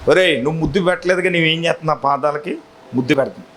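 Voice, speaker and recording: A preacher voicing a gentle male teacher who calmly rebukes his host with low, reproving questions. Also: racing, slight background noise, close to an everyday voice.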